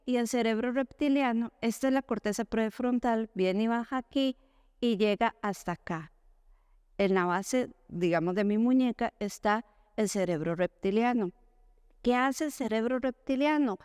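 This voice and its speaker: A woman gives an educational talk to parents. She speaks in a fairly high, smooth, clear voice, asking the audience questions and answering them herself. The sound is dry and close. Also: moderate pace, a little mellow, no room sound. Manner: acts out quoted parents and children in a higher voice.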